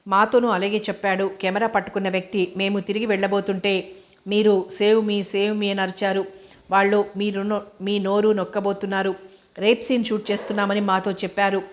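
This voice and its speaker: A woman's voice: mid-range voice, flat delivery, brisk, close to an everyday voice. Woman doing a cheeky bantering young man. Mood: explaining. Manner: playful, bantering.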